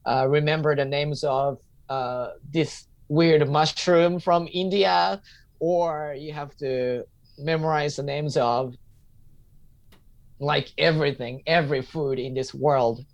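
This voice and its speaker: This thirties-aged comedian and teacher takes interview questions in a relaxed, reflective way, repeating himself as he hunts for words. He speaks slowly in a steady, creaky voice on the high side, and the recording has its highs cut off.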